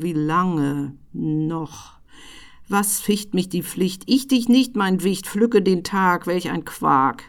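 A woman giving a slow poetry recital, with a rhythmic delivery that breaks into sudden loud bursts and whispered phrases. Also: fairly low pitch, vocal fry.

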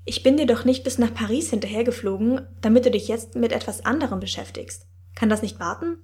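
A woman's voice: on the high side, fairly quick, a little mellow, natural voice. A woman reading an audiobook, voicing a brusque female spirit who guides souls, impatient and reproachful. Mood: annoyed.

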